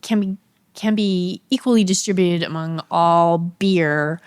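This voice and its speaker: A woman co-hosting a casual homebrewing podcast, calmly working through a list of pros and cons. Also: on the low side, clear, resonant tone, no echo. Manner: measured, methodical, walks through a list. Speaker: podcast co-host.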